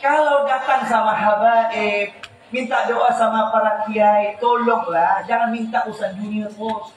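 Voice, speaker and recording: A high-pitched male preacher delivers a humorous, animated sermon through a public address system. He drops into quiet asides, then rises into shouted, chanted lines. The sound is heavily echoing, with a crowd and steady noise behind him. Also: a little slow. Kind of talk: humorous religious sermon at a gathering. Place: religious celebration gathering with a large crowd.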